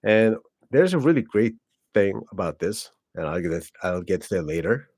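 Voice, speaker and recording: This forties-aged South Korean channel host speaks with a Korean accent, his lowish, slightly mellow voice carrying lively intonation at normal speed. A native Korean speaker, he rambles casually through a personal vlog monologue, often filling pauses and correcting himself. It's studio quality with no echo.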